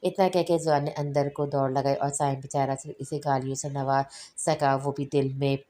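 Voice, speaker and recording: A woman reading a romance novel aloud in a steady, even storytelling manner. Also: rumbling low, normal speed. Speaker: audiobook narrator.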